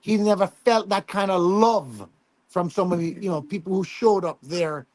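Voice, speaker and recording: A man's voice: high voice, normal speed, darkish tone, no room sound. A man with a Jamaican accent and Patois turns of phrase, telling stories casually as an interview guest, emphatic and often repeating himself.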